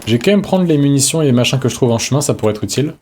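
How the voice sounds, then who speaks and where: A man's voice: medium pitch, expressive, very fast, darkish tone, husky. A man streaming a horror game live, chatting casually with slang and talking to himself and his viewers as he plays. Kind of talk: live let's-play commentary.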